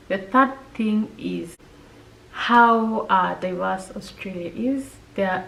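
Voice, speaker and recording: A woman from Kenya with a Kenyan accent, chatting casually to camera as a vlogger, often pausing on fillers. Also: medium pitch, gravelly, slight background noise, poor audio. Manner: chatty, with frequent filler pauses.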